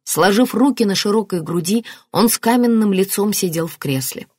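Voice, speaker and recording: A woman narrating a novel as an audiobook in an even, clear reading. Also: mid-range voice, moderate pace, no echo, studio quality. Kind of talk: scripted narration.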